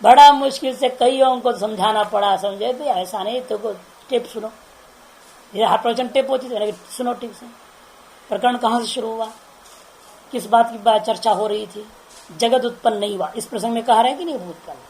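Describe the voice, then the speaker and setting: Casting: woman, spiritual teacher, higher voice, informal discourse, chatty, laughing, keeps checking in with her listeners. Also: normal speed, a little mellow, slight background noise, low-quality recording.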